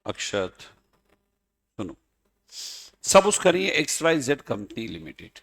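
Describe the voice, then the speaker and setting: A man's voice: mid-range voice, big pitch swings, slow pace, a bit bright. A male teacher, lecturing a class in a playful manner and calling on students by name. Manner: playful, addresses students by name, chanting mock examples.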